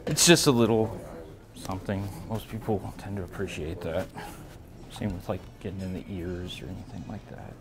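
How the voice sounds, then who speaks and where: The speaker is an American barber with a deep voice and a moderate pace, giving a haircut tutorial in an indoor shop with brick walls. He talks casually, explaining and thinking aloud while he works. Clipper buzz and hum are clearly audible.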